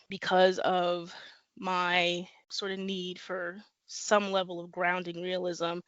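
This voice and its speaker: A woman author from the American Midwest, appearing as a guest, chats casually and animatedly in an interview, using many fillers and laughing. Her voice is on the low side, heard on a dry, lo-fi recording.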